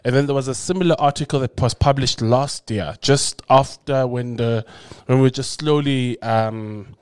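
A man's voice: mid-range voice, normal speed, darkish tone, clear, resonant tone. A man in his thirties with a nasal voice, hosting a podcast in a playful, rambling way full of restarts. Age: 30s. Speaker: podcast host. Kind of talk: casual podcast chat.

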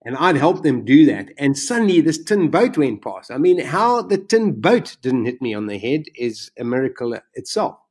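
Animated man retelling a survival story. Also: normal speed, few pauses, slightly rough. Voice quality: self-described macabre sense of humor. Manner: animated, reliving events, voice jumps high when excited. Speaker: guest telling his survival story. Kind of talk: storytelling in conversation.

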